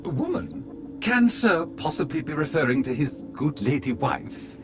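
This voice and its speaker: A man's voice: on the high side, sing-song, measured pace. An actor voicing a fawning, overly polite male butler robot in a video game, prim and courteous, always addressing his master as sir. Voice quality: prim and exaggeratedly courteous, calls everyone sir. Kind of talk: studio video game voice acting. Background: game music.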